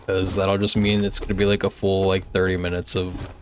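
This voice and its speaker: A man's voice: low voice, monotone, brisk, a little hiss or hum. A young man streaming a game, chatting casually with his chat and sprinkling in lots of "like"s. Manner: chatty and easygoing, many filler "like"s. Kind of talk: casual gameplay commentary, reading chat.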